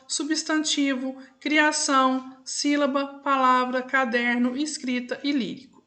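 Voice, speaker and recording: A woman teacher with a somewhat high-pitched voice, walking young pupils through a recorded lesson. She takes it patiently, one step at a time, and keeps pausing to check that the class is following. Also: sharp tone. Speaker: primary school teacher.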